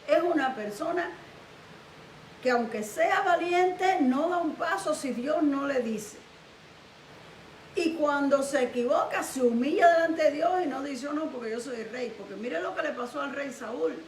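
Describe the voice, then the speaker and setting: A woman pastor telling a sermon story with lively animation. Her high voice echoes around the room, caught by a distant mic over a faint hiss. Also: measured pace.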